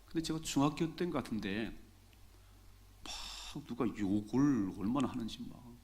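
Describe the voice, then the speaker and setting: A middle-aged pastor preaches to his congregation in a relaxed, talky way, often saying a key phrase twice to drive it home. His voice sits at an ordinary pitch for a man, neither high nor low. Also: normal speed. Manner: conversational preaching, repeats key phrases for emphasis. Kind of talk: sermon. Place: church sanctuary during a Sunday service.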